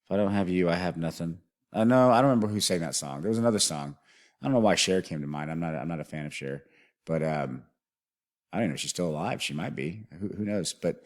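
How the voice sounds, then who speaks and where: A man with a low-sitting voice reacts to a music video, musing aloud in a rambling way and frequently restarting what he's saying.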